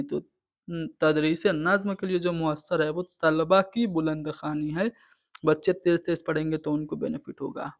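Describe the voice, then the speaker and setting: Male tutor, higher voice, patient step-by-step explaining, online exam-prep lecture. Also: a bit bright. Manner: explains answers step by step, repeating "theek hai".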